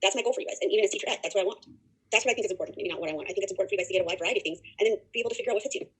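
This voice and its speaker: A woman's voice: mid-range voice, husky, rough recording. A woman in her thirties teaching a college education class in a casual, chatty way, telling stories with frequent restarts. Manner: fast, chatty storytelling with many restarts.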